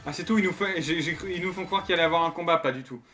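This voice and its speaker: Guy streaming a game, bright sharp voice, slangy chat with viewers, bit of music behind. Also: fairly high pitch, very fast. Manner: informal, slangy, talking to viewers. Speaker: gaming streamer. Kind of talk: casual gameplay commentary, reading game dialogue aloud.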